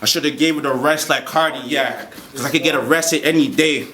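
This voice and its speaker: A man delivering a confrontational battle rap verse live, steady rhymes with the odd stumble and laugh. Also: on the high side, brisk. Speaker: battle rapper. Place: live battle rap event in a roomy venue. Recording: roomy live venue with crowd noise.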